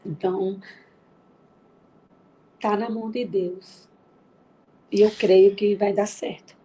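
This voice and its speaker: A woman from Recife with a Recife accent, a grieving mother talking quietly and with heartfelt faith as an interview guest. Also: mid-range voice, fairly even intonation, takes it slowly, slightly rough. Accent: Brazilian Portuguese, Recife. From Recife, Brazil. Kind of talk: emotional interview.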